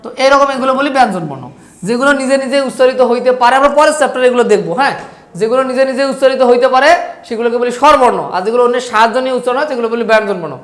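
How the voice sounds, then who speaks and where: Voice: mid-range voice, rapid-fire. A teacher with a Bangladeshi Bengali accent giving an online class lecture over slides, repeating points and asking questions that they then answer. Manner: repetitive, asks questions and answers them. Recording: roomy echo.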